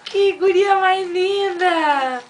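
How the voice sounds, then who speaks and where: A woman gushing over a baby with drawn-out exclamations in a home video. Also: very high voice. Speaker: relative fussing over a baby. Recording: home video with background noise.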